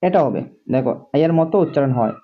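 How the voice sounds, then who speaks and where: A man's voice: medium pitch, lively intonation, quick pace. Repetitive man teaching English words. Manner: repetitive, drills words over and over; keeps asking "see?" to the viewer. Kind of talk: classroom-style video lesson. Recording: dull lo-fi recording.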